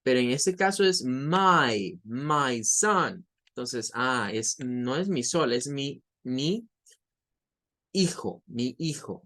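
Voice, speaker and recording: A man teaching English pronunciation, saying each example word over and over slowly. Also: medium pitch, a bit bright. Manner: patient, repeats words slowly for drilling. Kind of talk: online language lesson.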